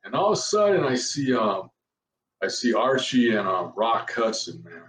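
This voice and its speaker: A retired police officer telling stories in casual chat, animated and laughing often. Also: male voice, moderate pace, far from the mic. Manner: animated, laughing, jumps high in pitch when quoting others. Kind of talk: casual storytelling. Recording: roomy echo.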